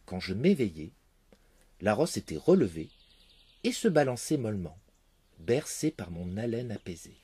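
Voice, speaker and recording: A man reading a fairy tale aloud, expressive in his first-person telling. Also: lowish voice, moderate pace, pauses often, husky. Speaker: narrator. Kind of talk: storybook reading.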